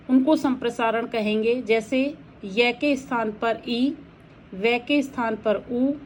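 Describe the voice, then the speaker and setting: Slow, methodical woman teaching grammar. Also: fairly high pitch, a little hiss or hum, rough recording. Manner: slow, methodical explanation of rules with examples. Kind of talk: recorded lecture.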